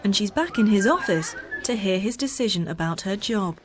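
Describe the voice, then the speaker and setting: A woman narrating a documentary series in an even, informative, scripted way. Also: medium pitch, normal speed, noisy background. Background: music.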